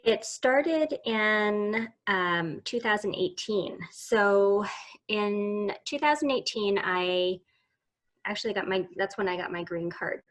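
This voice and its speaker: A woman in her forties from Eastern Canada, the founder of a summit, tells her story as a guest in an interview. Her medium-pitched voice is fairly bright, and she rambles casually, with lots of restarts and plenty of "so"s.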